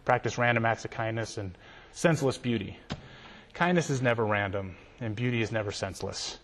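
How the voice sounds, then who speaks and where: Guy youth pastor, animated storytelling, repeats stuff, big echoey hall. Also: on the low side, fairly quick. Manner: animated, repeats himself, acts out quotes. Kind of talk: storytelling conference talk. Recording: long hall reverb.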